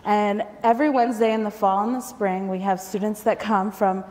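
A woman's voice: medium pitch, little pitch movement, fairly quick, a little mellow. A woman in her twenties from Michigan tells a personal story on stage, in a casual, conversational way with frequent ums, speaking into a lapel mic in a lecture hall. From Michigan, United States. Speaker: storyteller at a food event. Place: lecture hall with projector screen. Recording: reverberant hall.

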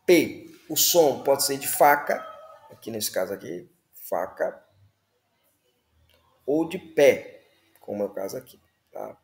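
A man's voice: medium pitch, sing-song, takes it slowly, creaky, pauses often, echoey room. A man teaching the Hebrew alphabet, patiently repeating words and checking in with listeners. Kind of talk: slow classroom explanation.

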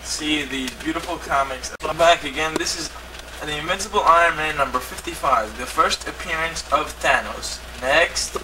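A man's voice: on the high side, normal speed. A man showing off his comic collection in a put-on TV-presenter voice, recorded on an old VHS home video. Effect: old VHS home video tape. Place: home, indoors. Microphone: camcorder mic across the room. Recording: hissy old VHS tape, mic far off.

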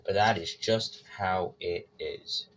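A man's voice: sits low, slow pace. A man hosting a casual cooking vlog, talking through his steps with joking, self-mocking asides. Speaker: cooking vlogger. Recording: loud background noise.

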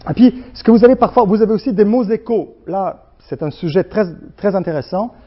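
A man with a Slavic accent, a native Slovene speaker, giving a university lecture in a halting way, full of restarts and fillers, acting out the sounds he discusses. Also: high-pitched, expressive, dull audio. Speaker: guest lecturer.

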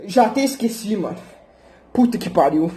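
A man's voice: sits high, lively intonation, normal speed, dark tone. A young man, an athlete vlogger, giving a brash, profane, slang-filled motivational rant and boasting about himself.

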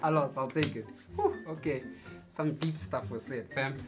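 A man co-hosting a casual couple challenge vlog, playful and teasing, often bursting into loud laughter. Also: medium pitch, moderate pace, over music. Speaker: vlogger co-host.

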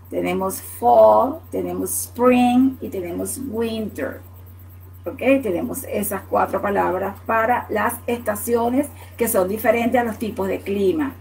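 A Latin American woman with a medium-pitched, slightly dark voice leads a live online lesson, teaching English words through Spanish. She explains patiently, checks in with "ok?" after each point, and responds to viewers' questions by name, all in a rough recording.

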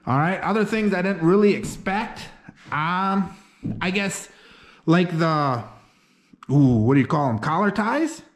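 Casting: middle-aged homesteader man, folksy and plainspoken, voice sitting a touch high, action-camera sound inside a bare wooden barn. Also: expressive, a little slow. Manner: folksy, plainspoken, rambling with fillers. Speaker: homesteader vlogger. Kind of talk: casual walkthrough talk. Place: outdoors in snow, then inside an unfinished wooden barn loft. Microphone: handheld or head-mounted action camera.

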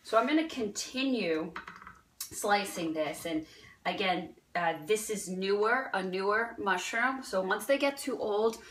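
A woman's voice: medium pitch, unhurried, fairly bright tone. A woman with a New Jersey accent, talking her viewers through foraging and cooking mushrooms in a chatty, playful, rambling way. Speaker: holistic health vlogger. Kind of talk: casual cooking and foraging vlog.

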